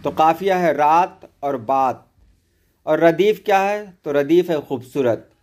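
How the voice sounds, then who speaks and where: A man giving a patient spoken lesson on poetry meter, explaining each step slowly and repeating key points. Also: a little high, expressive, darkish tone. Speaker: poetry teacher.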